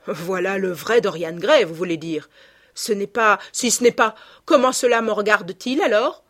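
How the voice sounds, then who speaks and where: Witty mocking aristocrat, teasing, animated, breathy, as a woman reader puts him on. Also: mid-range voice, moderate pace, lightly acted. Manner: lively, teasing. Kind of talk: audiobook reading.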